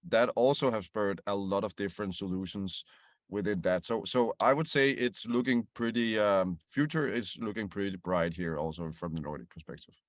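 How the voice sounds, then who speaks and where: A man with a fairly low voice answers questions as a podcast guest. He stumbles and repeats words as he thinks. The recording is dry and close. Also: normal speed, dry recording. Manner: hesitant, repeats words, many fillers. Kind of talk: interview answers.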